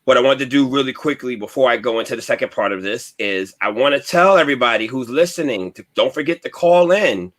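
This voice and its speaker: A man's voice: medium pitch, fast, hardly any pauses, fairly bright tone. A man hosting a radio talk show, talking in an earnest, searching way with frequent restarts. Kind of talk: casual radio discussion.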